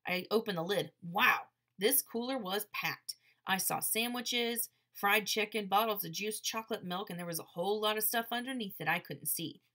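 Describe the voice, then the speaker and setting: A woman narrating an audiobook chapter in a lively storytelling way. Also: medium pitch, normal speed, hardly any pauses. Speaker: audiobook reader.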